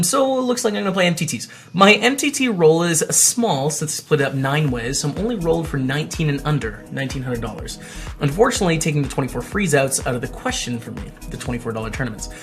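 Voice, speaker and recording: With a mid-range, slightly bright voice, a poker streamer hosts a casual vlog. He reads old blog posts out loud and drops in wry, chatty remarks as he goes.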